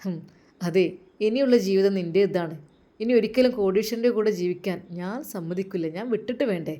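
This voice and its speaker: Taunting harsh husband in a storybook tale, voiced by a woman, scolding, mellow tone. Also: medium pitch, a little fast, close to an everyday voice. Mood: mocking.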